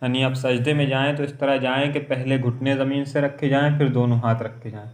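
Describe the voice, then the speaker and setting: A man teaching how to pray, explaining each step and repeating it, then reciting Arabic verses in a slow chant. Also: medium pitch, little pitch movement. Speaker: religious teacher. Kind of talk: instructional lesson on prayer.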